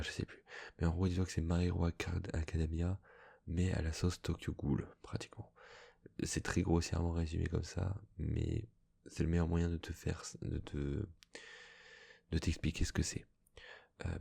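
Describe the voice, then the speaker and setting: A man speaking in a hushed, soft-spoken ASMR manner, slipping into whispers, with a husky, breathy voice, chatting casually as a host. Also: very deep voice. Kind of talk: soft-spoken ASMR, casual chat about book purchases.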